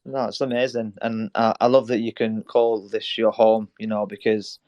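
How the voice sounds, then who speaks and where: A man's voice: lowish voice, little pitch movement, normal speed, darkish tone, dry recording, lo-fi sound. A man from northwest England with a Northern English accent, interviewing in a casual, conversational way.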